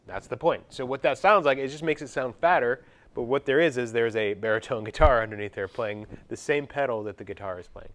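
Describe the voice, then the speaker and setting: A man's voice: mid-range voice, a little fast, fairly bright tone. A man teaching a music class, asking the students questions and singing short parts to illustrate them. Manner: quizzes students, scats examples. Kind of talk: classroom lecture.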